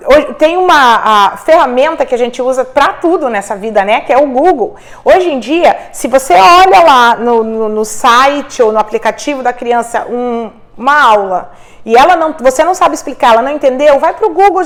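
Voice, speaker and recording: Speaking in a high, expressive voice at a moderate pace, a middle-aged immigrant mother hosts and encourages parents about homeschooling. Her tone is warm, and she blends English words into her Portuguese.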